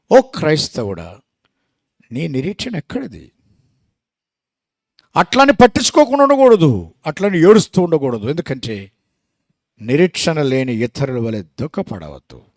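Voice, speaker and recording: A man preaching a sermon, swinging between loud exclamations and hushed asides and asking the congregation rhetorical questions. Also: mid-range voice, very animated, normal speed, pauses often, dry recording, studio quality.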